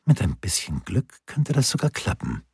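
A man voicing a hardened, protective man who speaks low, hushed and urgent. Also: wildly swooping pitch, normal speed, creaky, breathy edge, no room sound, clean studio sound, full character voice.

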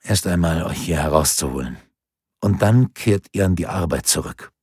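A man's voice: low-pitched, animated, moderate pace, darkish tone, slightly rough, dry recording, studio quality. A man voicing a persuasive Renaissance ruler urging a friend, in a pleading, earnest way.

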